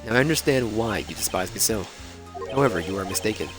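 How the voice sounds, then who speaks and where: A man voicing a proud, stern male prosecutor in a game, lecturing in a low voice over game music. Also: expressive, quick pace, lightly acted. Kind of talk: reading game dialogue aloud.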